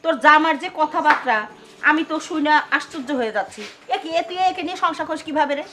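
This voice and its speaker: A woman's voice: sits high, brisk, noisy background, lightly acted. A woman with a rural Pabna Bengali accent playing a lecturing, indignant mother-in-law. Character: scolding middle-aged mother-in-law.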